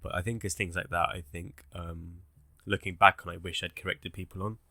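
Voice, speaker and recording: Deep-voiced young man, rambling. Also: a little fast, dry recording. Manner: rambling, animated, swears casually. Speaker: podcast co-host. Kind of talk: casual chat.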